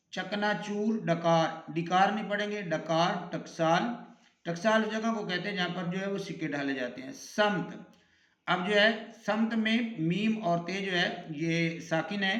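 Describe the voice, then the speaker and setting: A man with a fairly high voice teaches an Urdu pronunciation lesson. He reads words out one at a time and repeats the right forms against common mistakes. The sound has the echo of a bare room. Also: fairly bright tone, muffled recording. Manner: drills words slowly one by one, correcting mispronunciations.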